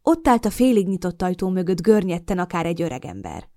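Low-voiced woman narrating an audiobook. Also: huge pitch swings, mellow. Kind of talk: first-person audiobook narration.

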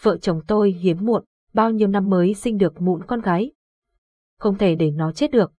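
A woman reading the lines of a terrified, sobbing mother begging for help in a horror audiobook, with a husky voice. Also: medium pitch, measured pace, darkish tone, no echo. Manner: frantic, tearful.

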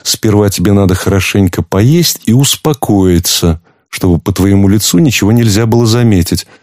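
A man's voice: on the low side, normal speed, darkish tone, no room sound, studio quality, lightly acted. A man voicing a stern, shrewd wife. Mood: firm. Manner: firm, cutting, reproachful. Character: stern shrewd wife, woman, coldly in control. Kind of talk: audiobook reading.

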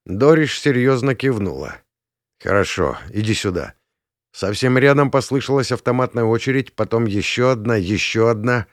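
A man narrating a first-person novel in a calm, measured reading. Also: medium pitch, no echo, studio quality. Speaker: audiobook narrator.

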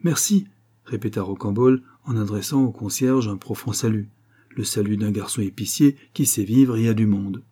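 A man narrating a novel as an audiobook, in a measured, even storytelling manner. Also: on the low side, slightly rough.

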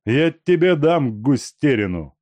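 A man's voice: mid-range voice, very animated, unhurried, darkish tone, dry recording, voice pushed up. A man reading an audiobook, voicing a domineering male police officer who barks orders. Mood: barking. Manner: barking orders.

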